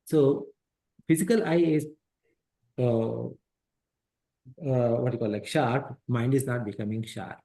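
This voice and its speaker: On a rough recording, a middle-aged man with a mellow mid-range voice speaks slowly, leaving long pauses. Using a headset microphone, he leads an interactive lesson on a scripture text, going step by step, restating ideas and questioning his class.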